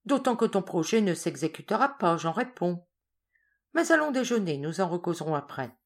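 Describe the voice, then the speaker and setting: A woman reading the part of a brisk, teasing older woman cousin in a storybook. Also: fairly low pitch, sing-song.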